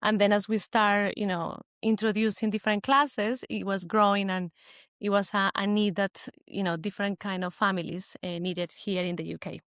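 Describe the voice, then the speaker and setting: A woman's voice: mid-range voice, level tone, moderate pace, a bit bright, no echo, clean studio sound. A woman in her forties from Colombia, with a Colombian Spanish accent, talking about her business as an interview guest in a hesitant, restarting way. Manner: hesitant, many fillers and restarts. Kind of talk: casual interview chat.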